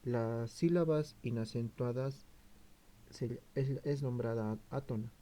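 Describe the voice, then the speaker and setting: A man's voice: mid-range voice, slow, dark tone. A man giving a class presentation, reading his points aloud with frequent fillers and self-corrections. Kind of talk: read-aloud school presentation.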